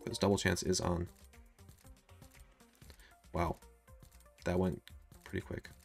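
A young man in his twenties gives casual gambling commentary in a low, creaky voice. He talks quickly, with music playing behind him. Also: monotone. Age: 20s. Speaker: slot streamer.

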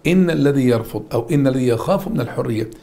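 A man's voice: mid-range voice, expressive, racing, creaky, mellow. A middle-aged man with an Egyptian Arabic accent, teaching an exam-prep grammar lesson in an emphatic, repetitive drilling manner. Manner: emphatic, repeats words and drills students.

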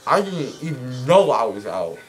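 A man's voice: medium pitch, sing-song, normal speed, faint music behind. A teenage boy chatting casually and ramblingly after wisdom teeth removal, muffled by gauze in a numb mouth. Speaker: patient just out of wisdom teeth surgery. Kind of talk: casual chat. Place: small dental clinic room. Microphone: phone held close by someone else.

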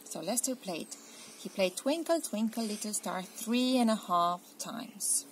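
A woman reads a children's story aloud. Her delivery is deliberate and expressive, with animated intonation at a medium pitch. Faint noise runs in the background. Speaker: storybook reader. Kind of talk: children's picture book read-aloud.

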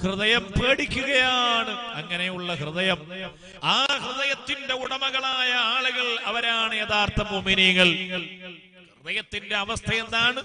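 A man from Kerala preaching a sermon, alternating slowly chanted scripture verses with quick rhetorical questions to brothers and sisters. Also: very high-pitched. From Kerala, India. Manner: addresses the audience directly as brothers and sisters. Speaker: Islamic preacher. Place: public religious gathering.

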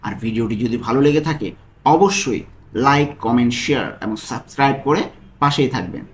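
A man teaching a language lesson, saying each phrase slowly and then repeating it, explaining it word by word. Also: mid-range voice, reverberant. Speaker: language tutor.

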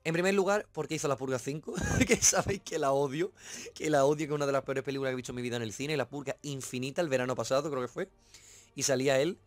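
A man's voice: medium pitch, racing, no echo, faint music behind. A man from Spain with a Spain Spanish accent, giving a casual film review as a channel host, emphatic and swearing freely, repeating himself for effect.

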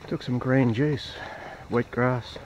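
A man narrates his night walk along a bush trail in a slow, darkish, mid-range voice with fairly even intonation, rambling to himself and to animals along the way. His mouth sounds a bit dry. Recorded on a handheld camera mic, the audio is dull and windy.

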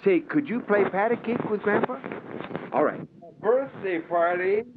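Older man, grandfather behind the home camera, gently coaxing a toddler; animated pitch, thin lo-fi tape sound. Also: a little slow. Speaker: grandfather filming family. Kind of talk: home movie chat. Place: family home indoors. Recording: tinny old home movie tape with hiss.

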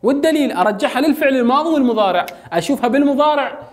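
A man's voice: extremely high pitch, expressive, very fast. A young adult male teacher with an Iraqi Arabic accent, giving a chatty lesson and asking his students questions, then answering them himself. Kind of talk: casual classroom lecture.

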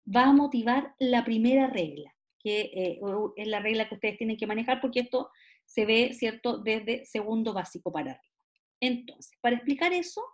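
Woman lecturer, middle-aged, fairly high voice, stretches example words, keeps asking for agreement. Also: a little mellow. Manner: explains slowly, stretches example words, asks rhetorical checks. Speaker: teacher. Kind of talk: classroom lecture.

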